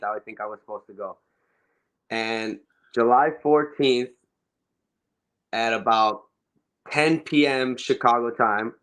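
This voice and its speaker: A man's voice: mid-range voice, fairly bright tone, poor audio. A young man, a professional soccer forward, casually recounting his career in a laid-back way during an interview.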